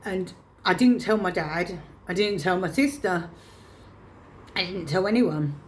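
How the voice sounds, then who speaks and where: A female vlogger with a fairly low voice tells the camera a painful personal story. She keeps halting and restarting her phrases as she holds back her emotions.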